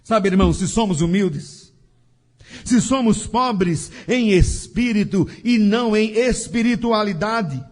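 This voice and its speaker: A man with a very high voice delivers a sermon from the pulpit. He speaks slowly and deliberately, and his phrases rise and fall in a sing-song cadence. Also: a little mellow. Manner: slow, emphatic preaching with a sing-song cadence. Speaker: preacher.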